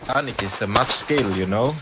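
A man's voice: medium pitch, brisk. A man chatting over voice chat during a mobile shooter match, putting on a mock Italian accent and calling his teammate brother. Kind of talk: casual voice chat while gaming. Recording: noisy game audio behind voice chat. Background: gunfire and explosions from the game.

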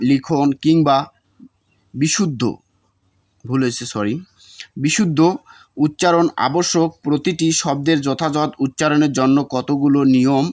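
A man teaching, reading out exam notes and repeating example words to show their pronunciation. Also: a little high.

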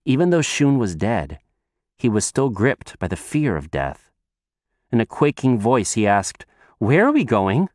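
Slow, low-voiced male audiobook narrator. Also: dry recording, studio quality. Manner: measured, expressive storytelling.

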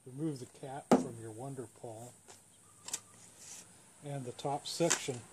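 A little slow and fairly even in intonation, this medium-pitched American man hosts a plain-spoken how-to about the antenna he built, standing outdoors by a parked car. He walks through it step by step as a radio hobbyist, with background noise and outdoor ambience coming through clearly.

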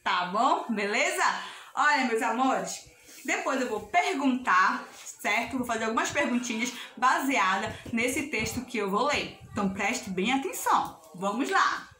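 A young Brazilian woman teaches small children in a high, bright, sing-song voice that swoops up and down. She is unhurried and encouraging, and talks straight to the kids. She is recorded from a distance in an echoey room. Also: lively intonation, slight background noise. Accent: Brazilian Portuguese. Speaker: preschool teacher. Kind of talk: video lesson for young children.

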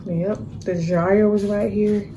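A thirties-aged woman vlogs a relaxed tour of an empty house's rooms and basement, speaking to viewers through her handheld phone camera. She takes it slowly in a steady, medium-pitched voice over background noise, sounding relieved and chatty while addressing everyone as "guys" and "y'all."

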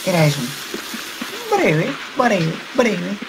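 A man's voice: high voice, very animated, takes it slowly. A young man commentating on his gameplay, muttering short repeated phrases to himself. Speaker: gamer. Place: small room indoors. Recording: very noisy home gaming recording.

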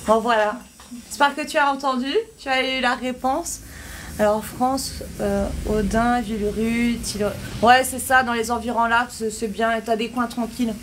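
A woman's voice: fairly high pitch, fairly even intonation, normal speed, slight background noise. Chatty woman live-streaming from a shop. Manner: chatty, reads out viewer questions and answers them. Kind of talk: casual live-stream chat. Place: small shop with a big front window, indoors. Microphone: phone held at arm's length.

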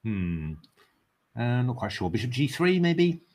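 With a medium-pitched voice and an unhurried delivery, this Englishman thinks aloud while commentating on online chess games live. His musings are packed with fillers, punctuated by outbursts of excited cheering.

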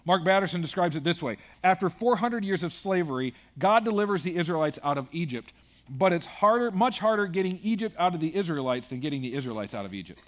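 High-voiced man preaching a sermon. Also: lively intonation, quick pace. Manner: conversational preaching with asides and humor. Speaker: pastor.

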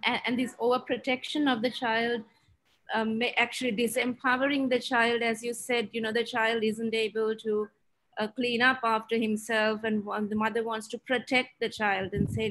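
A woman's voice: a little high, a bit bright, low-quality recording. A woman from Sri Lanka asking a long, thoughtful question on a video call over a bad connection. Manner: thoughtful, searching for words. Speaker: audience member asking a question.

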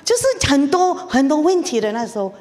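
A middle-aged woman gives her personal testimony from the front of a church, her voice sitting fairly high. She tells the story in an animated way and acts out what others said to her. A long reverb from the hall hangs on every word. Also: a little fast. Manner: animated storytelling with laughs and acted-out quotes.

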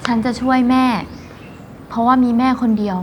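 A woman's voice: fairly high pitch, steady tone, moderate pace, a little hiss or hum, lightly acted. An actress playing a hot-tempered young woman who was left by a man and now wants to help her mother, talking bluntly and putting herself down. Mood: wistful. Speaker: struggling shop owner's daughter. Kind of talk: short film drama. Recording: music score under dialogue.

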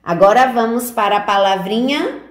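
A woman from Brazil leads preschoolers through handwriting online, coaching each letter stroke. Her voice sits on the high side, slow and sing-song, with lots of diminutives.

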